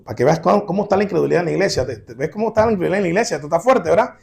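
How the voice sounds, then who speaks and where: A man in the pulpit preaching with emphatic swings from loud exclamations to hushed asides. His voice sits high for a man and carries a gravelly fry, and he keeps turning to the congregation with direct questions. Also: expressive, racing. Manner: addresses listeners directly as brothers, asking rhetorical questions. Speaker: pastor. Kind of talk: sermon.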